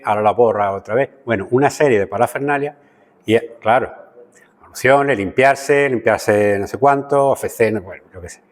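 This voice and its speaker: Man teaching Bible study in an echoing hall. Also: medium pitch. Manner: conversational teaching, frequent "¿vale?" check-ins and restarts. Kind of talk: church Bible study lecture. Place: church hall. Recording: long church-hall reverb.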